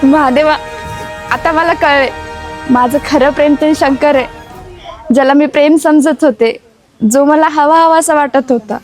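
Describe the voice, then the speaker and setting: A woman's voice: sits high, faint music behind. An actress playing a young woman who prays aloud, pleading for guidance in love. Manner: pleading, soft and slow prayer.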